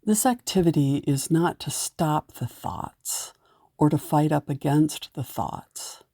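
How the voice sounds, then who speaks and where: Speaking slowly and expressively, a low-voiced, mellow woman leads a guided meditation, taking her time with every soft, calming direction. The audio is dry and close-miked, with no room sound at all.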